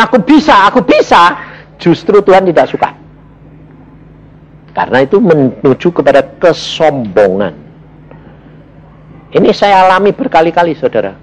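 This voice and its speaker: A middle-aged man preaching a sermon, telling personal stories and acting out his own dialogue with God, at times in high shouts. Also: big pitch swings, moderate pace, pauses often, rough recording. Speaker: evangelist preacher.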